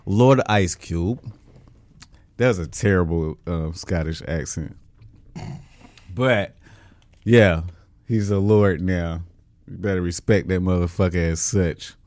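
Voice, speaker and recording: A man's voice: sits low, unhurried, long pauses, darkish tone, dry recording. A young man co-hosting a casual podcast chat in laid-back, laughing, profane banter. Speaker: podcast co-host.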